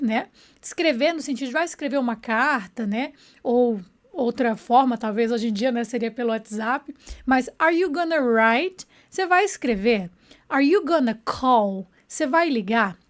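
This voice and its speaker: High-voiced woman teaching English. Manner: slows down to model English words, frequent "né" and "ó" checks. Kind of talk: online English lesson.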